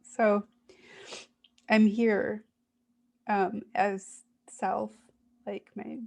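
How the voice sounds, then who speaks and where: A woman giving a reflective, self-guided therapy demonstration, speaking in a gentle, soothing way with hesitant pauses. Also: medium pitch, level tone, vocal fry. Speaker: IFS parts work demonstrator.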